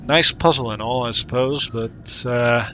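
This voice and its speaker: Slow, bright-voiced man muttering through a puzzle. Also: medium pitch, slight background noise. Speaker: gaming streamer. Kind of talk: casual let's-play commentary.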